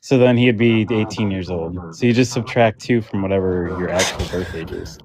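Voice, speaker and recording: A man's voice: deep voice, moderate pace, crowd noise. A man co-hosting a live stream, bantering in an offhand, teasing, blunt way. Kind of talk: casual banter.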